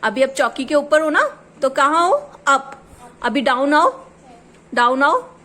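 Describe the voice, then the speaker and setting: A woman's voice: high-pitched, sing-song, takes it slowly, pushed and bright. A woman teacher giving a home lesson to a small child, patiently drilling word pairs and mixing English words into Hindi.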